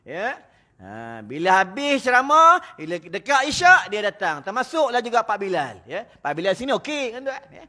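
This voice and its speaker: Blunt high-pitched Malaysian Malay preacher. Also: male voice, big pitch swings, moderate pace, sharp tone. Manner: blunt, teasing, scolding the audience, frequent "ya? ha.". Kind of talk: mosque lecture sermon. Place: mosque prayer hall.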